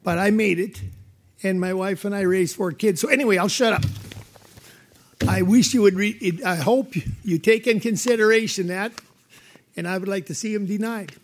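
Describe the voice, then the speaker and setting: A man's voice: high voice, moderate pace, a little hiss or hum. A middle-aged man from North Dakota, giving emotional, plain-spoken testimony as a landowner at a public hearing.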